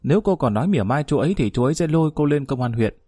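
A man voicing a calm, firm middle-aged village woman who mediates among husbands, speaking in a measured, plain-spoken, commanding way. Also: on the high side, breathy edge, no room sound, studio quality.

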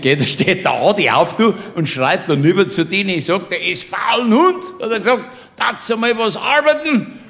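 A man with a Bavarian accent tells a comic tale in dialect and keeps breaking into laughter. His voice sits a little high for a man. He keeps turning to the listener with chummy asides. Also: slight background noise. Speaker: comic storyteller.

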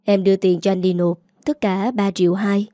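A woman voicing a worried older brother who talks in an urgent, hurried way. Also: mid-range voice, little pitch movement, warm tone, no echo, clean studio sound, natural voice.

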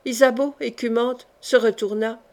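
A woman's voice: fairly high pitch, normal speed. Woman narrating a dramatic audiobook. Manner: dramatic, steady storytelling. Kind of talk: scripted narration of a historical novel.

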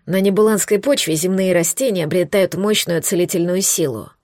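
A woman voicing a weak, hoarse wounded young man who speaks slowly and with strain. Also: lowish voice, a little mellow, no echo, clean studio sound, lightly acted. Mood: weary.

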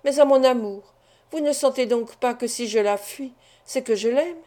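A woman's voice: on the high side, normal speed, dark tone, lightly acted. A woman reading a grave, grieving father. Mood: anguished. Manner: grave and resolute, with restrained anguish. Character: anguished honourable middle-aged father. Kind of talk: audiobook character reading.

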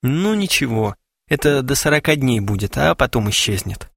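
A man's voice: medium pitch, expressive, normal speed, creaky, a bit bright, no echo, clean studio sound. A man voicing a sly, sarcastic young schemer who teases and scolds, in an audiobook. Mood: teasing. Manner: teasing, sarcastic. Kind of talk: audiobook character voice.

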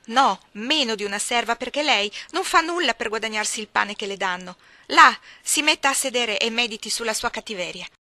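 Woman reader doing a scandalised maid in a storybook, way up high and loud, bright sharp tone. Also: lively intonation, a little fast, few pauses, no echo. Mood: scolding. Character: shrill scandalised maid, adult woman, indignant.

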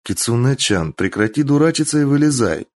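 A stern young princess, as a male storyteller voices her, commanding and quick to lose patience. She snaps orders in a sharp, exasperated manner, with a lively rise and fall in her lines. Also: medium pitch, dry recording, clean studio sound, voice pushed up, close to an everyday voice.

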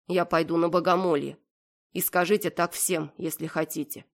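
A woman voicing a stubborn young girl who speaks in a flat, indifferent monotone. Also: on the low side, normal speed, lightly acted.

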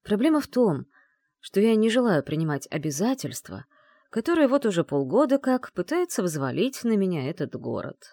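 A woman voicing a calm, courteous young male aristocrat in an audiobook, patient and given to sighing. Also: mid-range voice, normal speed, no room sound, pitched above the performer's own voice. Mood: patient, rueful. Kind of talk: audiobook reading.

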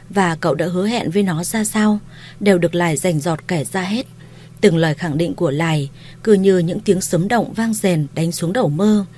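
Woman narrator, low-pitched, steady, storybook reading. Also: slight background noise.

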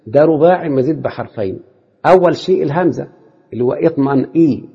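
Gravelly Egyptian teacher quizzing students. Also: male voice, fairly high pitch, quick pace, dark tone. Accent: Egyptian Arabic. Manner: quizzing students with frequent rhetorical questions. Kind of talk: classroom lesson on Arabic morphology. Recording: lo-fi hall recording with long reverb.

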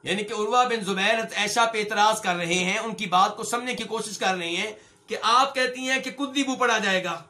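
A middle-aged male scholar gives a religious lesson, reading Arabic phrases slowly and then explaining them. He asks his listeners questions, answers them himself, and addresses them as brothers. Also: high voice, bright, forceful tone. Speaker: Islamic scholar and hadith teacher.

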